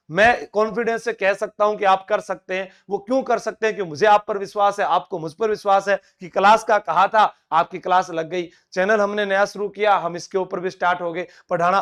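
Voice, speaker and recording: A man's voice: sits high, a bit bright, clean tone. A man with a Rajasthani Bagri accent teaching a live online exam-prep class. He talks in a chatty, coaxing way and slips into local dialect words.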